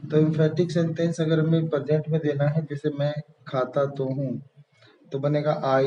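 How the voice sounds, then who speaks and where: A man's voice: fairly high pitch, dark tone, lo-fi sound, a little hiss or hum. Male Hindi grammar tutor, echoey room. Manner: patient, repeats key terms, frequent "ठीक है" checks. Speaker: English grammar teacher. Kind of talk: step-by-step classroom explanation.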